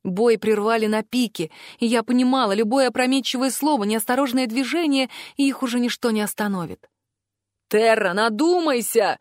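High-voiced woman narrating an audiobook. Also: a little fast, few pauses, no room sound, studio quality. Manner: first-person storytelling, expressive. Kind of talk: scripted narration.

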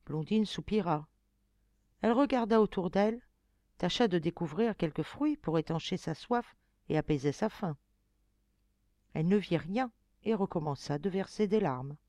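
A woman's voice: on the low side, no echo. Woman narrating a fairy-tale audiobook. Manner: expressive, measured, storytelling.

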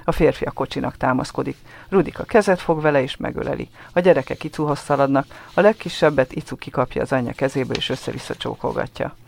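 A man reading literary prose aloud on a radio show in a measured, calm storytelling manner. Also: medium pitch, creaky.

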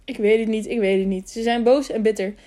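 A woman reading the part of a young noble girl who talks in a hushed, urgent way, in an audiobook. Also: a little high, fairly even intonation, fairly quick, close to an everyday voice. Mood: anxious.

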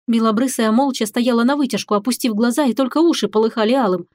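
A woman's voice: fairly high pitch, quick pace, darkish tone, no echo. Woman narrating an audiobook, dry and close. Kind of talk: first-person audiobook narration.

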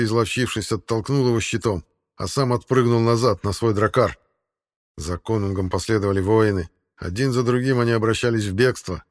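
A male narrator reads an adventure audiobook in a steady, measured way. His voice sits on the low side.

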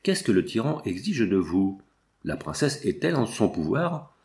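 A man's voice: lowish voice, big pitch swings, moderate pace, darkish tone. A man reading the part of a proud, defiant young man speaking out against a tyrant. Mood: earnest. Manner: defiant, earnest. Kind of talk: audiobook character reading.

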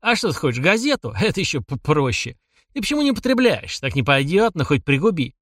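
A man's voice: a little high, very animated, fast talker, a bit bright, no echo, studio quality. A man voicing a boorish drunken rich man, swaggering and mocking, in an audiobook. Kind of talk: audiobook character voice.

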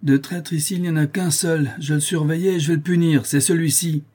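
A man voicing a fierce, scheming sailor traitor in a storybook reading, loud and theatrical. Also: a little high, sing-song, fairly quick, breathy edge, voice pushed up. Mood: defiant.

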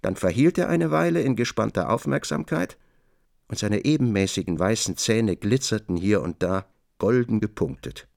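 A man giving measured, scripted literary narration for a radio drama. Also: lowish voice, lively intonation, gravelly, a little mellow, no room sound, studio quality. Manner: measured, descriptive reading.

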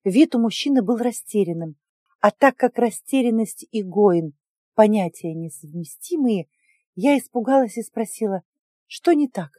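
A woman reading a first-person story in an even, measured manner. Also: mid-range voice, no echo, studio quality. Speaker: audiobook narrator.

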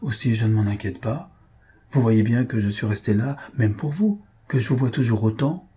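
Rôle : jeune comtesse orgueilleuse et retenue, lue par un homme, ton sec, timbre sombre et très voilé. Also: male voice, medium pitch, lively intonation, normal speed, mellow, husky. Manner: curt, restrained replies. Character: young woman, reserved countess, proud and guarded.

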